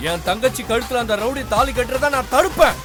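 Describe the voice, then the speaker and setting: An actor playing a defiant young man who stands up to his family to protect his sister, speaking forcefully and pleadingly. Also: extremely high pitch, brisk. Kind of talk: TV serial acting. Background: background score music.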